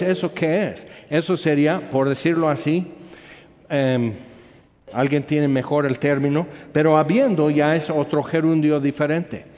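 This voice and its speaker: A man's voice: on the high side, a little mellow. Guy teaching bible class, chatty, keeps checking in, dull sound. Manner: conversational, checks in with listeners. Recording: echoey hall, dull sound.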